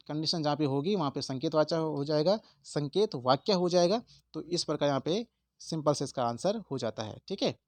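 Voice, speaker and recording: A man's voice: fairly high pitch, no room sound. Man explaining exam questions step by step. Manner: explains step by step, stresses key words, addresses viewers as friends. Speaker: Hindi exam tutor. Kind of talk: exam-prep lesson.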